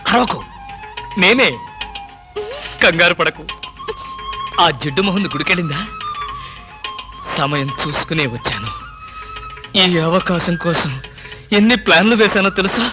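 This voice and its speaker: An actor playing a mischievous, scheming husband in a film comedy, talking in a teasing, theatrical way. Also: male voice, very high-pitched, lively intonation, quick pace, loud music behind the voice. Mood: sly. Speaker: husband, office worker.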